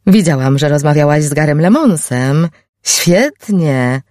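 A woman doing a brisk, bossy female agent. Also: deep voice, lively intonation, darkish tone, no echo, studio quality. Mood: chiding. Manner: brisk, reassuring, a little bossy. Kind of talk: audiobook reading.

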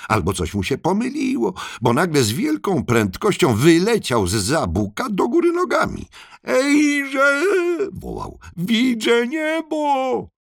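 A man narrating a children's audiobook in a very expressive, slow storytelling manner. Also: medium pitch, vocal fry, slightly rough, dry recording, clean studio sound.

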